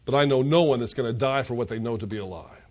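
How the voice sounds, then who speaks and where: A man's voice: medium pitch, fast, darkish tone. An older man preaching a sermon, retelling scripture as a story and voicing the characters' words. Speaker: pastor.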